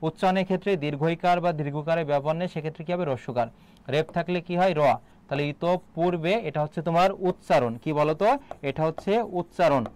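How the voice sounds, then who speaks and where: Man teacher with a Bangladeshi Bengali accent, fairly high and smooth, drills students with questions. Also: fast, a little mellow. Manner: quizzing students with questions and repeating answers. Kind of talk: live online exam-prep class.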